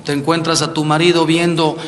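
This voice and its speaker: Animated Mexican priest in an echoey hall. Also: male voice, fairly high pitch, brisk. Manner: animated, playful storyteller, acts out quotes. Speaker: priest giving a conference. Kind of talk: lively talk on marriage with jokes. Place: large auditorium with audience. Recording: echoey hall with faint ambience.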